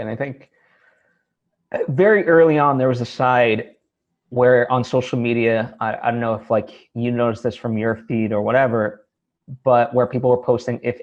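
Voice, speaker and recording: A man with a medium-pitched voice hosts a casual interview, working his way toward his points hesitantly and conversationally. The recording sounds muffled.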